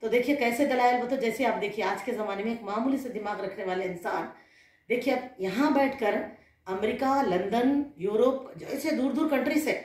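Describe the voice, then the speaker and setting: A woman's voice: on the high side, normal speed, darkish tone. Earnest woman preaching in a roomy space. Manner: earnest, rhetorical questions to listeners. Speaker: religious scholar. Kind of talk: sermon to women. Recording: roomy echo.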